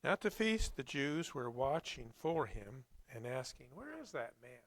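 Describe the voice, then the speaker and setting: A man preaches on Sunday, his mid-range, slightly bright voice swinging widely in pitch as he reads scripture and offers plainspoken, reflective, halting commentary.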